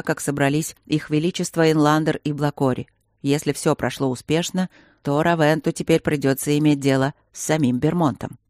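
A man voicing a calm, sardonic officer who speaks slowly, evenly and quietly. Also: fairly high pitch, no echo, clean studio sound, natural voice. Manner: slow, measured, even.

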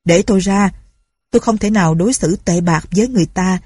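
A woman's voice: mid-range voice, fairly quick, dark tone, husky, no room sound, clean studio sound, lightly acted. Woman doing a headstrong, defiant young man. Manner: urgent, defiant. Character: headstrong young man, landlord's lovesick son.

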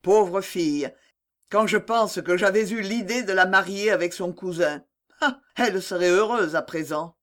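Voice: medium pitch, unhurried, a bit bright, natural voice. A reader voicing a worried, kindly middle-aged male fitter in a classic audiobook novel, talking in a sighing, confiding way. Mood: troubled.

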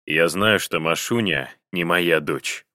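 A man's voice: low-pitched, bright, forceful tone, no echo, studio quality, exaggerated voice. A man doing a grim, weary betrayed husband. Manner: slow, grim, clipped. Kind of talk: audiobook character voice.

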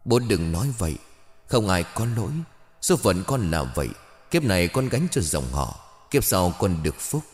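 A man's voice: deep voice, sing-song, moderate pace, in a large hall. A man voicing the ghost of a young boy, youthful and innocent in tone, in a read-aloud ghost story. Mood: tender farewell. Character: young boy's gentle ghost.

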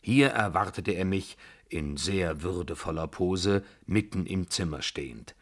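A man reading a novel aloud in measured, unhurried scripted narration. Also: low-pitched.

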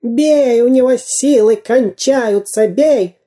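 A man doing a shrill, spiteful spy. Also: slow pace, dark tone, exaggerated voice. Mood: egging on. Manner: shrill, egging others on. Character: sly male spy, spiteful and bloodthirsty.

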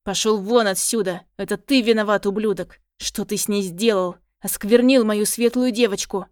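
A woman voicing a hot-tempered, remorseful middle-aged father who pleads and shouts. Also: mid-range voice, fairly even intonation, a little slow, no room sound, clean studio sound, lightly acted. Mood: furious.

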